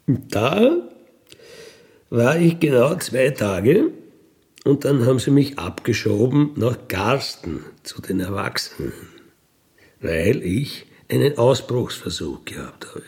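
Speaking slowly in a sing-song, slightly mellow voice of medium pitch, an Austrian-accented man of fifty-one recounts his life as a career criminal. The storytelling is unscripted, colloquial and matter-of-fact, with frequent questioning tags at the ends of his statements.

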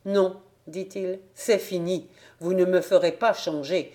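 A woman's voice: fairly low pitch, steady tone, unhurried, dark tone, lightly acted. A woman reading the part of a stubborn young farmer's son who speaks firmly and tersely. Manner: firm, terse.

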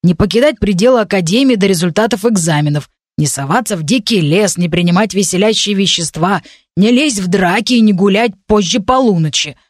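A woman voicing a gruff, grumbling male goblin doorkeeper in an audiobook, curt and growling. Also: mid-range voice, animated, brisk, no room sound, clean studio sound, natural voice.

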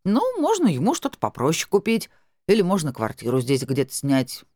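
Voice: medium pitch, wildly swooping pitch, fairly quick, darkish tone, no room sound, studio quality. A reader voicing a drunk, coarse middle-aged woman who shrieks slurred abuse. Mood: drunk bickering. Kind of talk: audiobook character voice.

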